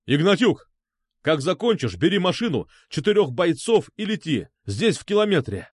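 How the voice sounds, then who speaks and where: A man reading an audiobook, voicing a curt, gruff male police officer in the middle of an arrest. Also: a little high, sing-song, normal speed, dry recording, studio quality, pitched above the performer's own voice. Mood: curt barking. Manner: curt, barking.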